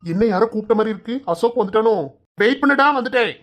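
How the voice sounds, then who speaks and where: A woman's voice: a little high, fast talker, voice pushed down, natural voice. A woman voicing an easygoing young man, speaking offhandedly with a Kanyakumari Tamil accent.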